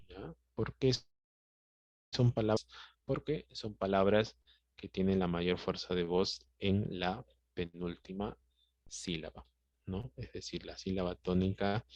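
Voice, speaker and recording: A man's voice: sits low, a little mellow, no echo. A male teacher with a Peruvian Spanish accent patiently explaining a grammar lesson, often checking in with his students. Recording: dry, dull lo-fi sound.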